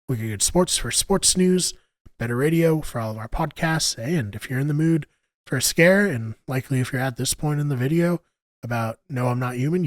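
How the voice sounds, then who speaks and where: Guy doing a scripted game review voiceover, mid pitch, measured and explainy, dry close mic. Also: no echo. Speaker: video game reviewer and channel host.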